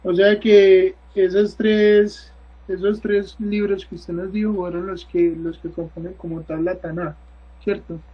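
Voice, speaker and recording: A man with a high, husky voice politely asks the teacher to repeat what he said. His voice comes through a dull, lo-fi line. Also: level tone, unhurried. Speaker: class student.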